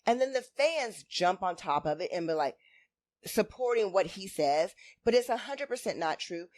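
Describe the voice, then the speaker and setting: A woman's voice: mid-range voice, expressive, normal speed, darkish tone, no echo. A woman chatting casually as a co-host, giving opinionated recap commentary in a blunt, emphatic, sassy way.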